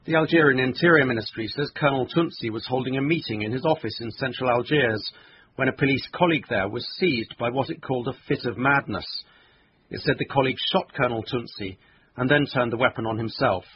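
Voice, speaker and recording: Husky male news correspondent. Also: medium pitch, a little fast, highs cut off. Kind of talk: scripted news report.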